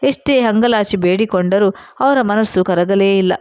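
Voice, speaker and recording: A woman tells a first-person story in a steady, even storytelling voice. Her voice sits at a middle pitch. The recording is dry and close, with no room sound. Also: moderate pace, clean tone, no echo. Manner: steady storytelling with quoted dialogue. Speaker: narrator.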